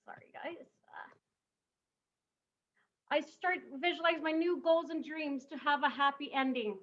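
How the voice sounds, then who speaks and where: A woman in her thirties delivers a motivational talk in a high, bright voice. She leans on emphatic rhetorical questions. The audio sounds a little dull and lo-fi. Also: fairly even intonation, measured pace. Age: 30s. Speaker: summit speaker.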